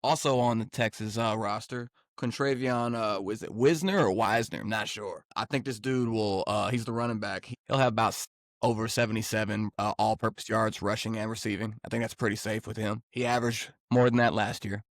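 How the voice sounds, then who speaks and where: A man's voice: fairly low pitch, steady tone, fairly quick, no room sound, studio quality. A man co-hosting a sports podcast, talking through betting picks in a laid-back, rambling way. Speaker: podcast co-host. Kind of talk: casual sports-betting chat.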